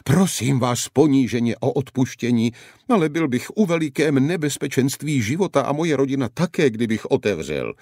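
A man's voice: mid-range voice, sing-song, darkish tone, no echo, studio quality, voice pushed up. A man voicing a fearful peasant gatekeeper in an audiobook, with a cracked voice and a wailing, begging manner. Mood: pleading. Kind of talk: audiobook character voice.

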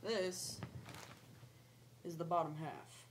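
A woman's voice: fairly low pitch, steady tone, takes it slowly. A young woman chatting casually to camera in a rambling way, breaking off now and then to coo at a pet. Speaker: pet snake owner vlogging. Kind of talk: casual vlog chat to camera. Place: small lamp-lit room at home. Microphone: webcam or laptop mic at arm's length. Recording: noisy home webcam audio.

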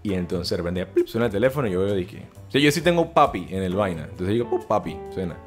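A man's voice: on the low side, expressive, fast talker, soft background music. A young man with a Panamanian Spanish accent, a podcast host and fitness coach telling stories in casual, slangy chat and laughing often.

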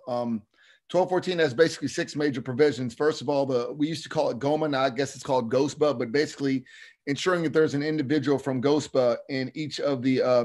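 A middle-aged man with a slight lisp and slushy s sounds, presenting testimony in a halting, frank, self-correcting way on a video call. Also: mid-range voice, darkish tone. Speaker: state legislator presenting a bill. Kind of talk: committee testimony, semi-formal explanation.

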